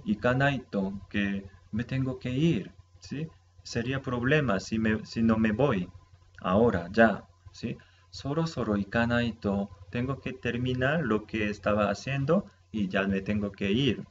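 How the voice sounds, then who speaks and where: A man whose first language is Japanese, teaching a slow language lesson in Spanish. He talks patiently, repeating each word and checking in with the listener. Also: mid-range voice. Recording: slightly dull with faint ambient noise.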